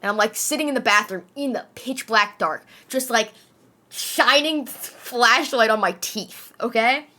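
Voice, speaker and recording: A woman's voice: a little high, unhurried, pushed and bright. A young adult woman streamer with a slight lisp, chatting casually with her viewers in a rambling way, full of fillers and swearing.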